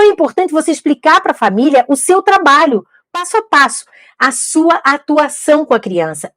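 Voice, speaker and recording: Emphatic high-voiced woman teacher. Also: dry recording. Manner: emphatic, repeats key points, asks rhetorical questions. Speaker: educator teaching literacy teachers. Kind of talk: instructional talk to camera.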